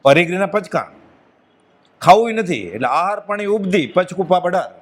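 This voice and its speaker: A man's voice: high-pitched, expressive, normal speed. Earnest man giving a devotional talk. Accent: Gujarati. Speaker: spiritual speaker. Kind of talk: devotional discourse.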